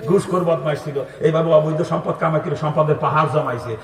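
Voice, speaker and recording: Man, mocking fiery preacher, rapid delivery, far-off reverberant loudspeaker sound. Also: a little high, fairly even intonation. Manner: thundering, mocking, shouts rhetorical questions to crowd. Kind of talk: open-air sermon. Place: outdoor gathering. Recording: echoey distant PA sound.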